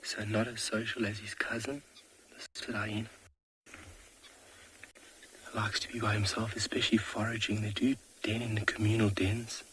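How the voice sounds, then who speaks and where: A man whispering live wildlife commentary as a safari guide at a watering hole, hushed and awed. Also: fairly low pitch, little pitch movement, moderate pace, pauses often, poor audio. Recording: outdoor ambience noise.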